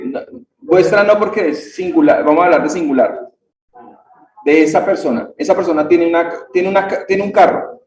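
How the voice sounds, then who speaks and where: A man's voice: fairly high pitch, normal speed, a little mellow. A man teaching a grammar lesson in a church classroom, checking in with short questions and repeating key words. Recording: echoey room, distant mic, faint noise.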